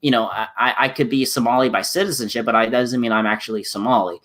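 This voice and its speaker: A man's voice: mid-range voice, fast, a bit bright. A man in a casual political discussion, rambling with many restarts and fillers. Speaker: channel host in a discussion.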